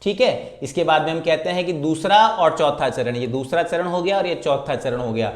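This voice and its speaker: Rajasthani guy teaching, counts out syllables slow, a bit high voice, echoey room. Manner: counts syllables aloud slowly, chants verses drawn out. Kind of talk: classroom lesson on Sanskrit meter.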